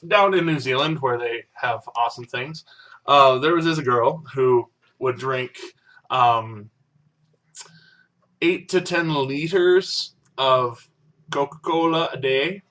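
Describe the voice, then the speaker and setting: A man's voice: medium pitch, slow, bright, forceful tone, far from the mic. A man co-hosting a casual news-chat podcast, joking and rambling as he talks. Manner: joking, rambling, self-deprecating. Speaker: podcast co-host.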